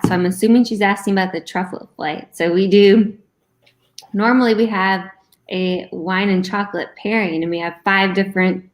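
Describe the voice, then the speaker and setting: A woman co-hosting a live online bingo event, chatting casually with players and her partner. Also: on the low side.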